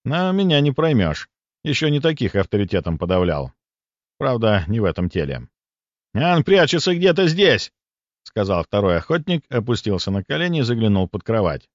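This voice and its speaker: Expressive male audiobook narrator. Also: on the low side, a little fast, no room sound. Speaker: audiobook reader. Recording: dull lo-fi dry audiobook recording.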